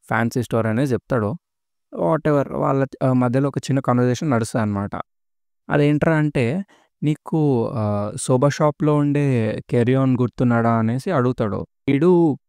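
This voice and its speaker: A man casually retelling a series plot in a relaxed, chatty way, with many filler sounds between phrases. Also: medium pitch, moderate pace, clean tone, dry recording, clean studio sound. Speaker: storyteller recapping a series.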